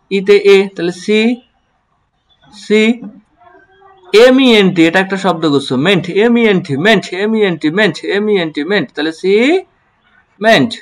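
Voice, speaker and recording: A man teaching English pronunciation in an online lesson. He spells words letter by letter, repeats them slowly and asks his students questions that he then answers himself. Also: sits high.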